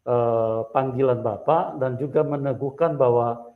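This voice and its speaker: A man's voice: medium pitch, a little slow. Muffled male church interview host. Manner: steady, affirming murmurs and "haleluya" responses.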